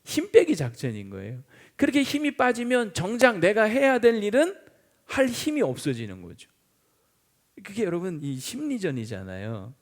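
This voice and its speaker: A man's voice: high voice, huge pitch swings, normal speed. A middle-aged male pastor preaching a sermon, emphatic, quizzing the congregation with call-and-response questions. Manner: acts out taunts in mocking quoted voices. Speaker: senior pastor.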